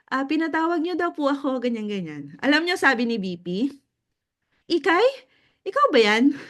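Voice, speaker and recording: A woman with a Filipino accent giving a mentoring talk to a group, animated and often laughing, checking in with her listeners. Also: sits high. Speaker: business mentor.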